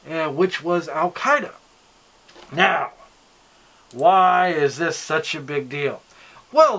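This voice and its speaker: A man with an American accent delivers informal political commentary to his online audience. His voice sits a little high and has a sharp, forceful brightness. He explains things insistently, often putting questions to the listener and answering them. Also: rough recording.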